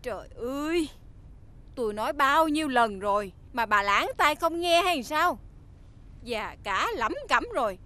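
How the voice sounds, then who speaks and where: A sharp-tongued young mistress of a wealthy Southern household in a TV drama. Her speech is bright and forceful, set slightly high, and she talks down to her servants with open scorn. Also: lively intonation, unhurried, exaggerated voice. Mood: scolding. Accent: Southern Vietnamese. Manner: scolding, bossy. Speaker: actress. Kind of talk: TV drama acting.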